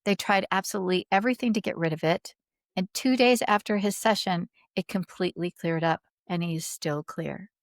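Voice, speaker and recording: A woman appears as a podcast guest, speaking informally and earnestly as a healer while telling stories and reading out testimonials conversationally, with frequent "like" and "right?". Her voice is on the low side at normal speed, recorded in studio quality with no room sound.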